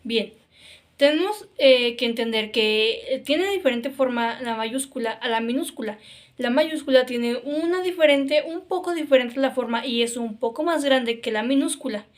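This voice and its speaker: A woman teaches a grammar lesson in a fairly high voice. She explains patiently, step by step, and often adds "ok?" or "claro" to check that her listeners follow. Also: normal speed. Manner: explanatory, frequent "ok?" and "claro" fillers.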